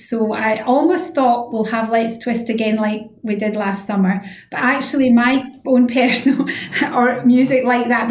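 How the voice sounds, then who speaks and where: Her voice sits a little high: a Scottish woman in her sixties being interviewed on conversational radio, giving long, considered answers and frequently repeating herself. The recording carries an echoey room sound.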